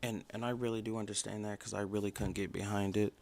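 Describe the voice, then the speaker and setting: Man in his twenties, deep voice, gravelly fry, blunt and opinionated, casual review. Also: level tone, fast, a little mellow. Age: 20s. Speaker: show reviewer.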